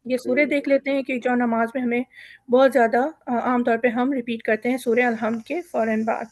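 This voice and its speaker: A woman teaching Quran recitation, reciting verses slowly and drawn out, then patiently explaining how each letter is pronounced step by step. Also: a little high, level tone, dry recording, clean studio sound. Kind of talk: online recitation lesson.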